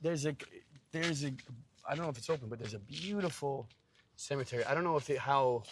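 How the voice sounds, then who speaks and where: A man's voice: medium pitch, a little fast. A man, a voice actor guest, chatting casually outdoors, rambling with many fillers. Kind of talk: casual chat. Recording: busy crowd noise behind.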